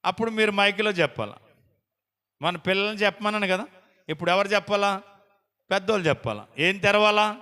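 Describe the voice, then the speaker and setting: High, bright-voiced preacher in a reverberant hall. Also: male voice, fairly quick, pauses often. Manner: call-and-response, quizzing the congregation with repeated questions; exclaims praise loudly. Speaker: pastor. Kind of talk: sermon. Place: prayer house hall. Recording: long reverb of a church hall.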